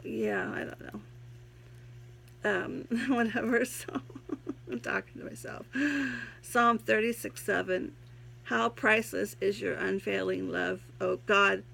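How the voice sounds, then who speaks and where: A tired woman vlogger with a gravelly voice and slightly soft R sounds, talking in a playful, rambling, giggly way in a casual devotional style. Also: medium pitch, slight background noise. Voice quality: trouble pronouncing R sounds. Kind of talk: casual devotional vlog with poem reading.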